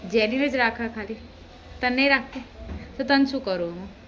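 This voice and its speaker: A woman's voice: on the high side, normal speed, lo-fi sound, slight background noise. A woman in her thirties, a mother chatting casually in a home vlog, teasing and scolding her kids as she talks. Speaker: vlogger and mother.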